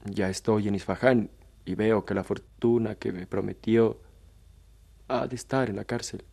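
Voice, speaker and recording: A man's voice: fairly low pitch, fairly even intonation, measured pace, gravelly, a little mellow, breathy edge, exaggerated voice. A man voicing a humble, ruined traveler who answers plainly and earnestly.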